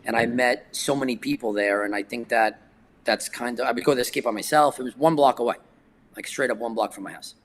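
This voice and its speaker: A man's voice: mid-range voice, fairly quick. Brief: thirties New man, loose rambling guest talk, mid-range voice, faint background hum. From New York. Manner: rambling, many "like" fillers. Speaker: podcast guest, skateboarder. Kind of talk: casual chat.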